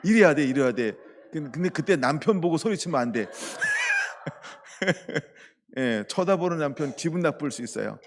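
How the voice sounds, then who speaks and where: Pastor guy preaching, super animated voice, quizzing the church, echo hanging in a big hall. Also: a little high, a little slow, slight background noise. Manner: lively, playful preaching with questions to the congregation and acted-out quotes. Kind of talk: sermon.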